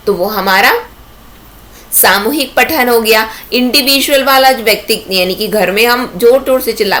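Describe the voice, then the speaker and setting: A woman's voice: fairly high pitch, sharp tone. A woman teaching an exam-prep lecture, explaining step by step and asking herself rhetorical questions.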